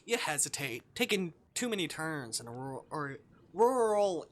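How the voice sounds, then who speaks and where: A man on the high side vocally reads a visual novel aloud during a casual stream, his pitch swinging broadly at a moderate pace. He sprinkles in offhand, playfully muttered comments.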